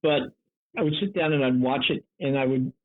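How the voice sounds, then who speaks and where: A man in his seventies from North Jersey, a guest in an interview, telling stories in an energetic, chatty way. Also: mid-range voice, a little fast. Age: 70s. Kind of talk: interview conversation. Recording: tinny phone-like line.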